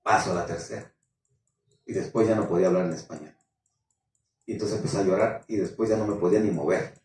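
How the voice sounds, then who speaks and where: A male pastor giving an animated sermon testimony, quoting his own prayers as he tells the story. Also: deep voice, fast talker, slight background noise. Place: church. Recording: echoey church hall, distant mic.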